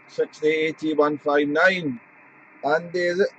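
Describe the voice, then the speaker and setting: Taking his time, a man with a voice on the high side chats informally as an amateur radio operator on a live stream, repeating call signs as he goes. Slight background noise is present, and the streamed audio comes across dull and roomy.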